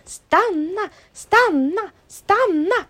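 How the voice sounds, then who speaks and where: Woman reading small soot monster with yellow eyes, chatty, higher-set voice, storybook. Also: expressive. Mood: pleading.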